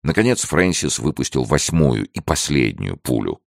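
A man reading an adventure novel aloud as narrator, with steady, lively storytelling. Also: extremely low pitch, normal speed, gravelly, no echo, studio quality.

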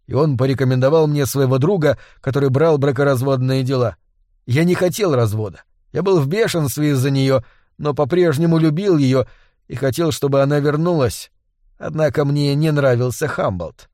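A man narrating a first-person novel as an audiobook, in a measured, restrained manner. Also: medium pitch, darkish tone, dry recording, clean studio sound.

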